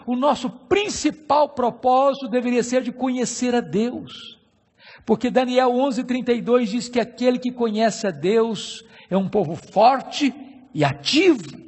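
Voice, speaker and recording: A middle-aged Brazilian man preaching a sermon, with emphatic, slowly stressed phrases and repeated rhetorical questions. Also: very high-pitched. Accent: Brazilian Portuguese. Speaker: pastor. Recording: long hall reverb.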